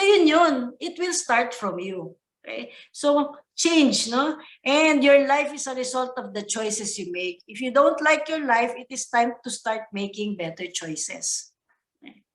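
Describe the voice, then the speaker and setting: A woman with a fairly high voice gives a chatty motivational talk, repeatedly checking in with her listeners. Her voice echoes around the room she is speaking in. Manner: conversational, often asking listeners to agree.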